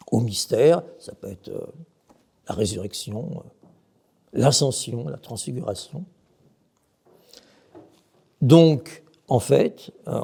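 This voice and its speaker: A man's voice: mid-range voice, vocal fry, dark tone, husky. A middle-aged man, a monk, giving an emphatic talk on Byzantine chant, sometimes chanting short examples and putting questions to his listeners. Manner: asks the audience questions. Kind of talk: explanatory talk with sung examples.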